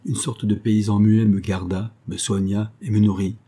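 A man's voice: lowish voice, flat delivery, moderate pace, warm tone, husky. A man voicing a distressed young army lieutenant telling of his capture, read aloud in an earnest first-person manner. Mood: tense. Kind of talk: audiobook reading.

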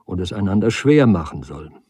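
A man reading the lines of a strange, restrained young man who speaks quietly. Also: low voice, very animated, fairly quick, slightly rough, no room sound, full character voice. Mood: hushed. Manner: hushed, restrained.

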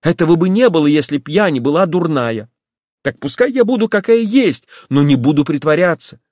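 A man reading an audiobook voices an impulsive young woman, pleading and agitated, in a lively character voice. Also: fairly high pitch, unhurried, dry recording, clean studio sound, voice pushed up.

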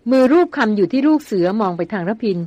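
A woman reading a novel aloud as an audiobook narrator, in a steady storytelling manner. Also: mid-range voice, fast, dry recording.

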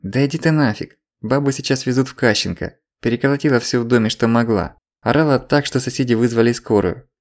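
A man's voice: medium pitch, brisk, few pauses, close to an everyday voice. A man reading an audiobook, voicing a panicky, breathless middle-aged man who wails down the phone. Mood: alarmed. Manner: wailing, rattled.

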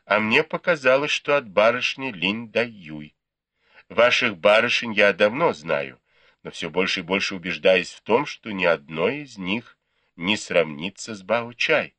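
A man voicing a proud, quick-tongued young noble lady in an audiobook, reproachful and teasing. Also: on the low side, lively intonation, bright, forceful tone, no echo, pitched above the performer's own voice, heavily acted. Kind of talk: audiobook character reading.

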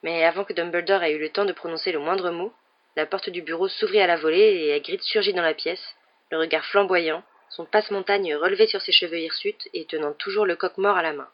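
A man reads a storybook aloud with a slightly high voice. The recording is dull and lo-fi, without much top end. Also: fairly even intonation, fairly quick. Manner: reads all the characters with raised pitch for quoted lines. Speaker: audiobook reader. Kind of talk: scripted narration.

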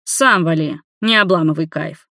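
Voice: medium pitch, normal speed, creaky, bright, forceful tone, no room sound, clean studio sound. A reader voicing a careless young man who talks in an offhand, mocking way in an audiobook. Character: smug, careless young party host.

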